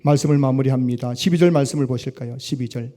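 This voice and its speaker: A male pastor preaching a sermon with passion, rising to loud cries and dropping to soft near-whispers. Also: medium pitch, quick pace.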